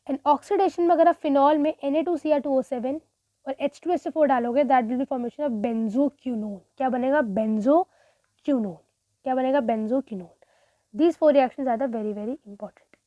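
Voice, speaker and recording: A woman with a high voice gives a chemistry revision lecture for exams. She keeps asking and answering her own questions and repeating the key terms, with English phrases mixed in. The recording is dry and close, with no room sound. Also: dry recording, lo-fi sound. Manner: mixes Hindi with English phrases. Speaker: chemistry teacher.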